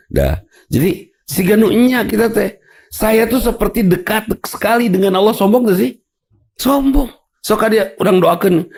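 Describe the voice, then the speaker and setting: A man's voice: high-pitched, creaky, darkish tone, slightly rough. A man with a Sundanese accent preaching a sermon, telling humorous stories. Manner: humorous, storytelling, mixing in local words. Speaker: Islamic preacher.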